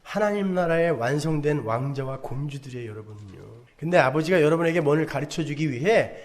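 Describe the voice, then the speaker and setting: Brief: male pastor, high and animated sermon delivery, dramatic, fond of rhetorical questions. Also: brisk.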